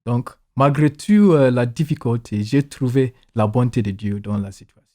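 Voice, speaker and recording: Pasteur à l'ghanéen, voix douce. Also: male voice, medium pitch, moderate pace, dark tone. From Ghana. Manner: simple, careful phrasing. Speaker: pastor.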